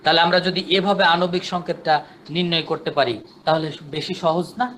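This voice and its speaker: A male chemistry teacher gives an online lecture in a high voice. He is patient and repeats himself, counting items out one by one. A faint ambient hum sits behind him. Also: steady tone, fairly quick, fairly bright tone. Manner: patient, repetitive, counts steps aloud.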